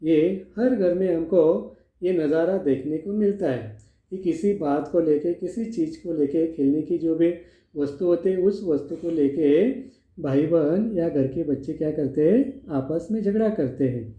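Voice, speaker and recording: Slow, deliberate male teacher. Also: on the high side. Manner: explains step by step, asks and answers his own questions. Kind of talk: classroom lesson explaining a play. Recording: echoey room, phone-like sound.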